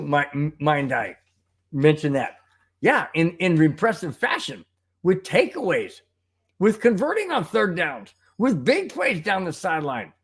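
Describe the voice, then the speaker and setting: A man's voice: high-pitched, slightly rough. A man hosting a sports fan show, talking in casual commentary and firing off rhetorical questions. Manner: animated, rhetorical questions, frustrated.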